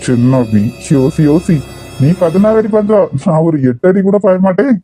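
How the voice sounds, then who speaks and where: A man's voice: high-pitched, lively intonation, normal speed, warm tone, soft background music. A man voicing a sly older uncle in a cartoon, teasing and guilt-tripping, with a Kanyakumari Tamil accent. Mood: coaxing. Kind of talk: cartoon voice acting.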